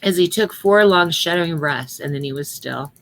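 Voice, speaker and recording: Low-voiced woman reading a personal story. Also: normal speed. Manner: earnest storytelling that acts out the dialogue lightly. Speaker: reader at a memorial service. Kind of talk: reading a personal story aloud, then reflecting.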